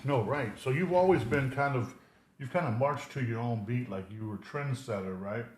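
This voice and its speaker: Upbeat man hosting a casual sit-down. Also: mid-range voice. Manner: upbeat, hyping the guest, quick affirmations. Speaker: interviewer. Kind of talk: casual interview chat.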